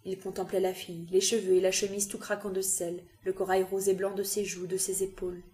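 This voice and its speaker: A woman reading a novel aloud with calm, even narration. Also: medium pitch, a little fast. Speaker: reader.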